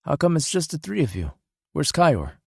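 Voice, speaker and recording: A man's voice: on the high side, huge pitch swings, moderate pace, creaky, a little mellow, breathy edge, no room sound, clean studio sound, exaggerated voice. A man voicing a kind-hearted, joking young male friend in an audiobook. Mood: warm teasing. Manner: easygoing, joking. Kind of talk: audiobook character voice.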